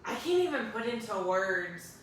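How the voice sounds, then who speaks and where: A woman's voice: fairly high pitch, sing-song, moderate pace. A young woman, telling a painful personal story in an earnest, emotional way with many fillers. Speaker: guest sharing her story. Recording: echoey room, distant mic, faint hiss.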